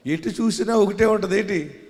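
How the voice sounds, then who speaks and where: A man's voice: high-pitched, moderate pace. A male pastor preaching in a reverberant hall. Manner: swings from quiet talk to loud shouting; calls on the congregation to shout hallelujah. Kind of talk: sermon.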